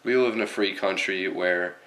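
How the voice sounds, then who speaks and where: A man's voice: deep voice, moderate pace, fairly bright tone. A young man ranting casually to camera, exasperated and swearing a lot, with many fillers. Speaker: vlogger.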